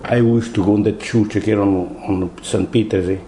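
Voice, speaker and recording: An older man from Portugal with a Portuguese accent, telling his story in an interview in halting, broken English with many repeated words. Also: lowish voice, fairly even intonation, reverberant, crowd noise, rough recording. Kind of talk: oral history interview.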